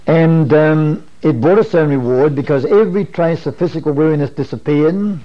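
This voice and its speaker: A man in his fifties, a preacher, delivers a sermon as an earnest, measured podium speech at a camp meeting, teaching through rhetorical questions in a slightly high voice. He stands at a desk in a small wood-panelled room, wearing a lapel or pocket-clipped microphone. The audio is muffled, lo-fi 1980s videotape.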